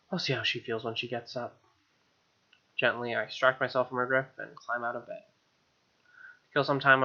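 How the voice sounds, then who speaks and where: A young man with a medium-pitched, gravelly voice reads visual novel narration aloud as a let's player, tossing in casual asides and gamer slang. The sound is slightly dull, with soft game music playing behind him.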